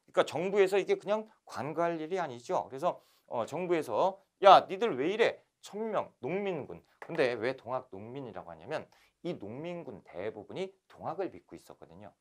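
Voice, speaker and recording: A man from Korea giving a lively history lecture for exam candidates, telling the events as animated stories. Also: mid-range voice. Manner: animated storytelling, acting out scenes. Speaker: history instructor.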